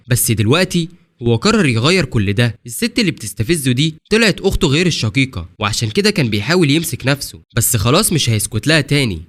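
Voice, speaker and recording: A man with an Egyptian Arabic accent giving a scripted, dramatic recap narration of a comic story. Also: medium pitch.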